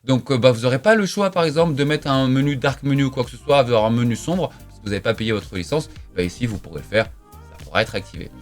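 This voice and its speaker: A man's voice: mid-range voice, animated, fast talker, faint music behind. A man giving a casual screen-recorded tech tutorial, chatty and emphatic, with frequent filler words like "voilà" and "donc". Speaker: tech youtuber.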